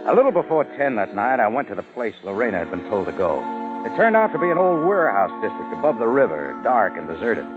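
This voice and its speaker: A hard-boiled private eye in an old radio drama, terse and dry, with a lively, swinging pitch. Music plays behind the old broadcast. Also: male voice, fast, narrow, tinny audio. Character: tough hard-boiled male private detective narrator. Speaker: lead and narrator. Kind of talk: 1940s radio drama narration.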